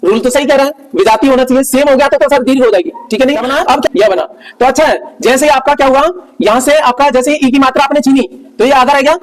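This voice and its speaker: A man with an extremely high-pitched voice teaches a class grammar at a quick pace, walking through the rules step by step. He keeps asking the students checking questions to see if they follow. The recording quality is low.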